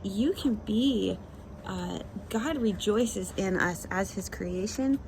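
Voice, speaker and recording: A woman's voice: mid-range voice, takes it slowly, creaky, a little mellow, slight background noise. A young adult woman hosting a casual Bible chat, chatty, often laughing, and acting out the people she quotes. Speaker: devotional host.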